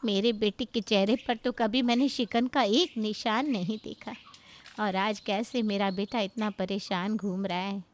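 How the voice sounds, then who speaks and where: A woman's voice: medium pitch, steady tone, a little slow, a little hiss or hum, natural voice. A woman voicing a traditional middle-aged mother in a cartoon story. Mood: fretful.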